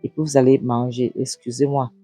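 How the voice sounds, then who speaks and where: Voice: mid-range voice, flat delivery, a little fast, dark tone, dry recording, faint music behind, lightly acted. A narrator doing a sick, pleading young wife. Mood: apologetic. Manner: pleading, apologetic.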